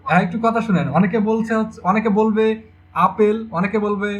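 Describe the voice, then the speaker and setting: A young man teaches an exam-prep English lesson, his voice pitched notably high. He keeps asking the class questions and answering them himself, walking through each point slowly. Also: steady tone, low-quality recording. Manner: repeats questions to the class, explains step by step. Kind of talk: online exam-prep lecture.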